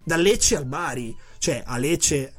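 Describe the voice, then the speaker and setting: A man's voice: fairly high pitch, animated, takes it slowly, breathy edge. A man in a casual, heated podcast debate, opinionated and emphatic, repeating himself to press his point. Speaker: football podcast co-host.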